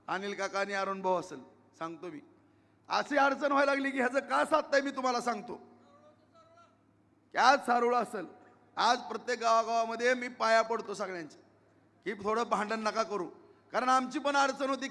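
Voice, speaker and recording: A man's voice: extremely high pitch, bright, forceful tone, in a large hall. A man giving an emphatic campaign rally speech as an election candidate, repeating himself and pleading with the crowd. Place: outdoor public rally.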